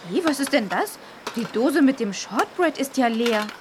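A woman's voice: sits high, expressive, moderate pace, background noise. A woman playing a sensible, caring young female friend in a children's audio drama, motherly and no-nonsense. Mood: dismissive.

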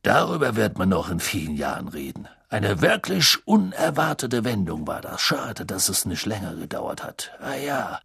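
A man voicing an excitable male stadium announcer in an audiobook, calling out loud and drawn-out. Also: fairly low pitch, gravelly, husky, dry recording, clean studio sound, heavily acted. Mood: sheepish. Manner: loud, stretched, showman announcing.

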